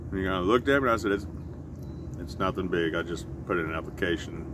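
A middle-aged pipe vlogger with a deep register tells a casual, rambling story outside by a house with siding, easygoing, halting and self-correcting as he goes. The camera sits a short distance in front of him, and clear outdoor traffic or air-conditioner hum is noticeable.

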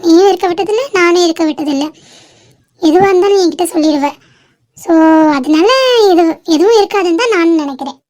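A woman voicing a chatty teenage girl, the heroine's best friend, in a teasing, high voice. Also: brisk, long pauses, darkish tone. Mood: earnest.

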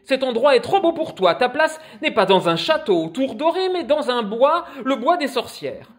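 A man's voice: high voice, wildly swooping pitch, normal speed, pitched above the performer's own voice. A man voicing a strict, easily horrified fairy mother who scolds her daughter in a storybook reading. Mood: furious. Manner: scolding, indignant.

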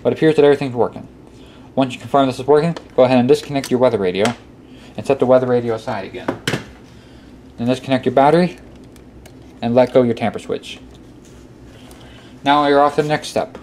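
A male tutorial presenter with a medium-pitched, slightly mellow voice works at an indoor workbench, explaining things casually and methodically, step by step. He talks fast, pauses often, and repeats his instructions. The amateur room recording is clearly noisy, with obvious background noise throughout.

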